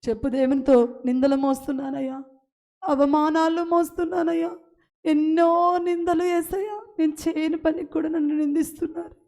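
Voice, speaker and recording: A woman with a high voice leads a fasting prayer service. She pleads fervently, repeating each line over and over. Some lines stretch out slow and long. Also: steady tone, gravelly, dark tone. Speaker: prayer leader.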